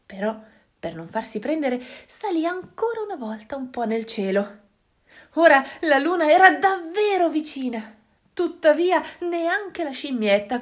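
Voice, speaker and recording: Expressive woman reading a children's story. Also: sits high. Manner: expressive, sing-song, dramatic hushes.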